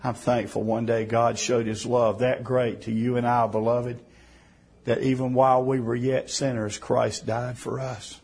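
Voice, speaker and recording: A man preaching a sermon in a fervent way, rising to emphatic bursts and then dropping soft. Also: mid-range voice, flat delivery, measured pace, slightly rough.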